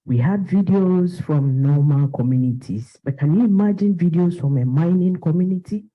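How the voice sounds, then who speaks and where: A woman's voice: lowish voice, normal speed, lo-fi sound. A woman from Ghana, speaking earnestly from the floor at a panel.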